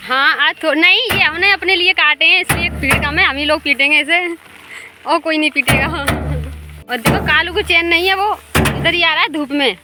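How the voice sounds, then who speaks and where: A woman's voice: extremely high pitch, normal speed, very noisy. A woman chatting casually and laughing often as she films a vlog outdoors in the fields. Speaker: vlogger.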